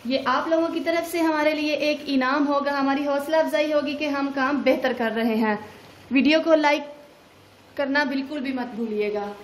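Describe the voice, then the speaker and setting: A woman's voice: sits high, moderate pace, echoey room, slight background noise, low-quality recording. A woman, a cooking channel host, talking through a recipe step by step in a voice-over. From Pakistan. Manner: steady step-by-step instructions.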